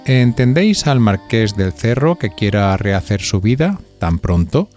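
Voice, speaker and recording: With a Spanish accent from Spain, this podcast host delivers scripted narration and asks listeners conversational questions. His lowish voice is sing-song and a little mellow, a bit slow, set against soft background music.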